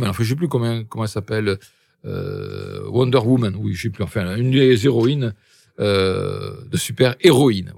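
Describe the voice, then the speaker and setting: A man reviewing films in a relaxed radio chat, quoting critics, with frequent hesitations and fillers. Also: fairly high pitch, dry recording, studio quality. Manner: chatty, hesitant with many fillers. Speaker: film reviewer.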